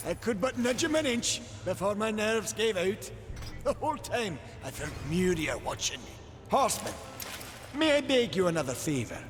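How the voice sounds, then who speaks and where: An actor playing an eager, boyish young Maker in a fantasy game, with an earnest, excitable manner. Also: male voice, high voice, moderate pace, background noise. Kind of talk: dramatic fantasy game dialogue. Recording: long reverb, music behind.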